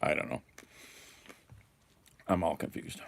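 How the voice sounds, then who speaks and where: A man hosting a casual live chat, rambling and musing aloud with soft chuckles. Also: slow. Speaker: livestream host.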